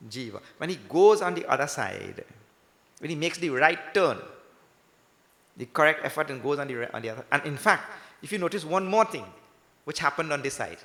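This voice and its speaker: A man's voice: fairly high pitch, bright, forceful tone. A man giving a scripture discourse as a swami, emphatic, repeating points and posing questions that he answers himself. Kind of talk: sermon with question-and-answer teaching. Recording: echoey hall with long reverb, faint music.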